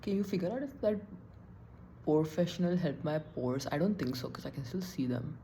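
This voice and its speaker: A woman's voice: deep voice, animated, moderate pace, warm tone, slight background noise. A young woman vlogger casually chatting and thinking aloud while doing her makeup, a bit self-deprecating. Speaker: beauty vlogger. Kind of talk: casual get-ready-with-me chat. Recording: echoey room.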